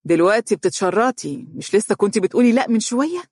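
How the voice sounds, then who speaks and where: A narrator voicing an eager, affectionate young man who speaks with an Egyptian accent, rushing his words. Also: mid-range voice, fairly even intonation, a little mellow, husky, no echo, clean studio sound. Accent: Egyptian Arabic.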